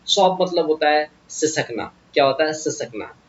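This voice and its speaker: A man's voice: on the high side, lively intonation, normal speed, highs cut off. A man teaching English vocabulary in a casual, joking way, often asking the viewer questions. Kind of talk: casual Hindi vocabulary lesson.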